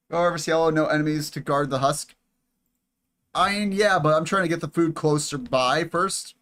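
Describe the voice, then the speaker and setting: A young man giving casual, excitable commentary over a strategy game, swearing and chatting with viewers. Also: fairly high pitch. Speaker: gaming YouTuber.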